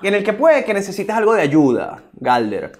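A man's voice: high voice, sing-song, moderate pace. A man hosting a live comedy show, upbeat and teasing, calling for applause. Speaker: show host. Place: live show before an audience. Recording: loud crowd noise around the voice. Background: loud audience crowd.

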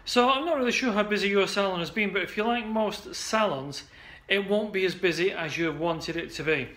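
A salon marketing coach pitches casually to camera from an indoor studio office. He's upbeat and chatty, speaking fairly quickly with a bit of brightness, restarting often and saying "uh" a lot.

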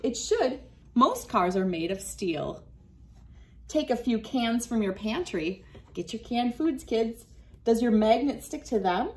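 Fairly high in pitch, slow, and full of lively intonation, this is a woman in her thirties reading a science book and demonstrating for children. She encourages the young viewers and speaks directly to them. Her recording is made indoors by a window in a small wood-panelled room, via a device camera about an arm's length away.

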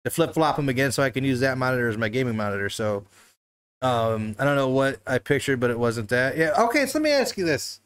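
This man talks fast in a sing-song way as he hosts a laid-back livestream from his couch, speaking into a stand-mounted desk mic. A talk show host at an ordinary male pitch, he sounds fairly bright, clear and resonant, laughing often, cracking loose jokes and cursing freely.

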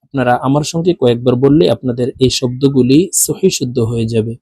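A man, teaching Quran reading by spelling out syllables and chanting the words in long drawn-out tones. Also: mid-range voice, warm tone, husky, dry recording. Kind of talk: Noorani Qaida spelling lesson.

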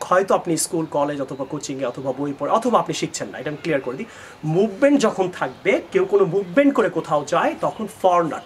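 A man, a Bengali speaker, teaches spoken English in a fairly high voice. He asks his students' questions aloud and answers them himself, then speaks the example sentences slowly and carefully. A faint hiss runs under the recording. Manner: switches between explanation and slow, carefully spaced example sentences.

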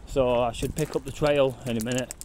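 A man's voice: mid-range voice, steady tone, fairly quick, background noise. A man, talking casually and rambling as he walks a countryside footpath filming on his phone. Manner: rambling, matter-of-fact, swears casually. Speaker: paranormal explorer vlogger. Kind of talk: casual walking vlog commentary. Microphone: phone held at arm's length.

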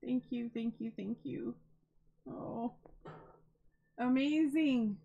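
A woman with a higher voice, vocal fry and a breathy edge takes her time as she unboxes donated yarn for her crafting vlog. Emotional and gushing, she chats while close to tears, and the recording sounds muffled.

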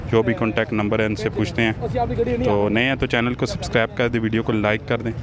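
A man's voice: fairly low pitch, flat delivery, fast talker. A man, hosting a car sales vlog at an outdoor used car market and talking into a hand-held lapel mic in upbeat, repetitive salesman patter. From Pakistan. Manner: upbeat, repetitive salesman patter, urging viewers to check every part. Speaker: car vlogger. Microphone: lapel mic held in hand, selfie camera. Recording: outdoor traffic and crowd noise.

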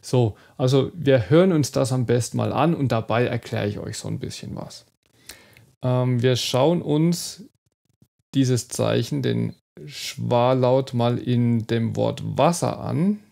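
A man teaching German pronunciation in an online lesson, demonstrating sounds slowly and carefully. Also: mid-range voice, creaky, mellow.

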